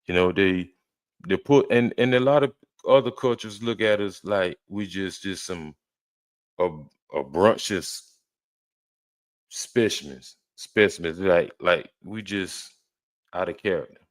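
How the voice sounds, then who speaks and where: Blunt, deep-voiced man reacting to clips. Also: takes it slowly, no echo. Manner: blunt, heated, talks back to clips. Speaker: reaction host. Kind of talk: reaction commentary.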